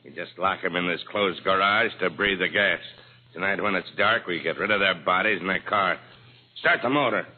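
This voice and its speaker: In the style of a 1940s radio crime drama, a male actor plays a cold-blooded tough crook, barking clipped, commanding orders in underworld slang. His natural voice is low-pitched at a moderate pace, heard through a muffled, noisy old radio recording.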